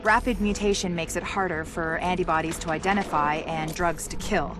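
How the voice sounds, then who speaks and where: A brisk, dry-witted virologist, played by a woman, explaining lab findings. Her voice sits slightly low, and her humor is sardonic. Game music plays clearly beneath her. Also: fairly even intonation, close to an everyday voice. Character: dry-witted female virologist briefing an agent. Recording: game cutscene with music behind.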